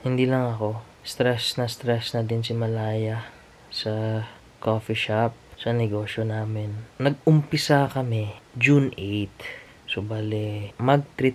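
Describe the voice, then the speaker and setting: A young man with a Cebuano accent, vlogging at home at night in a hushed, earnest voice so as not to wake the neighbours. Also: mid-range voice. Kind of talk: quiet late-night vlog confession.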